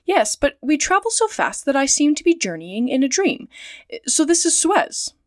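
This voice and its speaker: A woman voicing an excitable, talkative male French manservant who exclaims often, his pitch jumping up. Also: moderate pace, dry recording, clean studio sound, natural voice. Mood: chatty.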